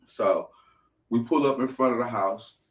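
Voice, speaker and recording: A man co-hosting a radio show, telling a story in a lively, animated way and laughing often. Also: mid-range voice, measured pace, roomy sound. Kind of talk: casual storytelling chat.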